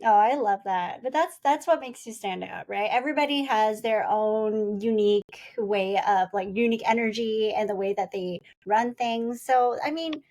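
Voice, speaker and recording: A woman's voice: medium pitch, normal speed, hardly any pauses, a little mellow. A woman hosting a podcast, affirming and encouraging her guest in casual conversation. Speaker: podcast host.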